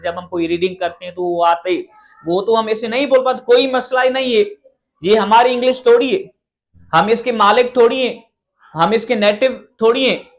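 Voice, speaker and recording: A man from Pakistan with a Pakistani accent, giving an earnest lecture as an English teacher. He repeats his points and drops English phrases into his talk. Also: high-pitched. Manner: earnest, repetitive, mixes English phrases into Urdu-Hindi. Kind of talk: explanatory lecture.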